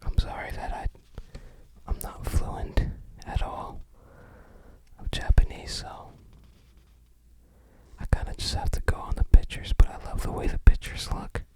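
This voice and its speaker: The audio is poor as an ASMR creator whispers while showing items to the viewer. The commentary is slow-paced, reflective, and slightly hesitant.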